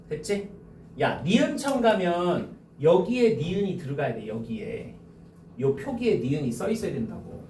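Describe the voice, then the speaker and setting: A male high school teacher lecturing to a class, slowly dictating key points and often checking whether students follow. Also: darkish tone, roomy sound, distant mic, slight background noise.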